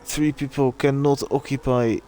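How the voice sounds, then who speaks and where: A man's voice: mid-range voice, fairly even intonation, moderate pace, warm tone, slight background noise. A man casually commentating a live sim racing stream and chatting with viewers. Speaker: race commentator.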